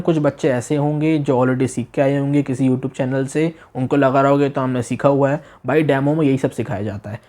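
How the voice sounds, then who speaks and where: Male tutor, mid-pitched voice, repetitive beginner teaching style, pushes his intonation up and down to demonstrate. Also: warm tone. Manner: repeats phrases slowly and asks the listener questions; exaggerates tone to demonstrate meaning. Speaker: Japanese language teacher. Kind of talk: demo class lesson taught in Hindi.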